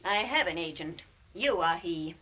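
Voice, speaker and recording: An actress playing a domineering, coldly scheming wealthy older sister in a 1930s film melodrama, with an imperious, clipped, insinuating manner. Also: female voice, on the low side, lively intonation, a little slow, noisy background. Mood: haughty, insistent.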